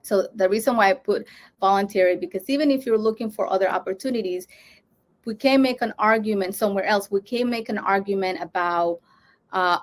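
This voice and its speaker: A woman from Honduras, a social worker, giving an educational talk to fellow social workers, earnest and thinking aloud with frequent fillers and restarts. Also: mid-range voice.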